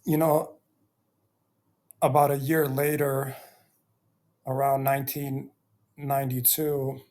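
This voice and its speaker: Thirties male vlogger, unhurried and reflective, mid-pitched voice. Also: a little mellow. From Bosnia and Herzegovina. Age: 30s. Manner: slow and reflective, with many pauses and fillers. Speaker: YouTuber. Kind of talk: personal storytelling vlog.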